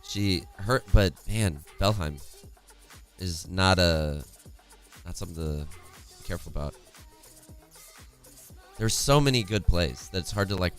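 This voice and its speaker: A deep-voiced young esports caster, worn out and hoarse, chats through a match on his home stream indoors, reading chat aloud and laughing often. He speaks close into a studio condenser mic while wearing headphones.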